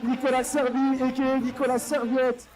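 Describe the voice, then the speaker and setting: A man's voice: very high-pitched, level tone, moderate pace, darkish tone, low-quality recording. A man announcing a live skate contest, teasing the riders and urging the crowd to cheer. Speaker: event announcer. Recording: live event audio with music behind.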